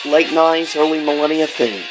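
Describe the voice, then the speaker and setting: Music plays in the background of this rough recording as a man hosts a casual top-list vlog, sharing opinions with rambling asides and exasperated rhetorical questions. His voice is a little high, fairly quick and steady in tone.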